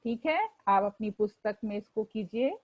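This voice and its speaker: A woman's voice: mid-range voice, moderate pace, highs cut off. A woman teacher explaining a textbook lesson to pupils, patiently going over each exercise and reciting word forms for them to repeat.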